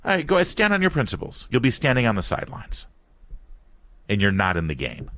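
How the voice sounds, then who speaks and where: A Detroit talk radio host rants passionately and mocks his opponents before taking calls, animated throughout. He speaks fast at a medium pitch, with no room sound.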